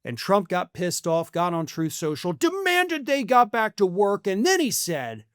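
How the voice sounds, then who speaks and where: With huge pitch swings, a high-pitched male voice proceeds a little slowly, clear and resonant, in a dry, clean studio recording. He is an American political commentator and channel host giving opinionated news commentary in an emphatic, sarcastic, colloquial manner.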